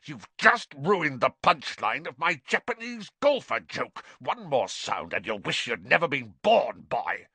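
A man's voice: medium pitch, big pitch swings, unhurried, hardly any pauses, pushed and bright, husky, no room sound, voice pushed up, heavily acted. A man voicing a blustering, bullying middle-aged uncle who snarls through gritted teeth. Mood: furious.

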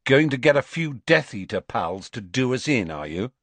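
A man's voice: medium pitch, big pitch swings, normal speed, no echo, voice pushed up. A man voicing a defiant teenage boy who mocks and taunts. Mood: mocking. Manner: mocking, taunting.

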